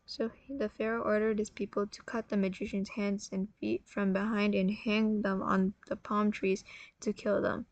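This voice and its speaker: A tired woman telling a religious story in a casual, halting way, often correcting herself. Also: medium pitch, flat delivery, no echo, dull audio. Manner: halting, self-correcting, apologetic.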